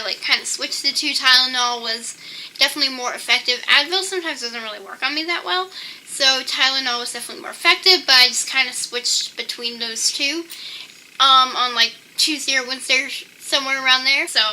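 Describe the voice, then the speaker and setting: The low-quality recording captures a young adult woman with a high, sharp-toned voice. She's a vlogger giving personal tips in a chatty, informal monologue, sprinkling "like" throughout.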